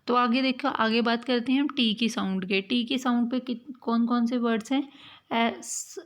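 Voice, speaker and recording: A woman's voice: fairly high pitch, fairly even intonation, normal speed. A woman teaching an English lesson, patient, asking and answering her own questions. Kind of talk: explaining a language lesson.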